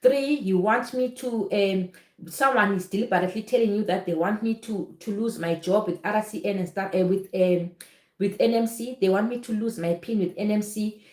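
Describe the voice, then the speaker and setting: A woman talks straight to her viewers in a personal, earnest vlog, often pausing to ask if they understand. Her voice sits in a middling range. The recording has a noticeable roomy echo. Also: medium pitch, darkish tone. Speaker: nurse vlogger. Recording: echoey room.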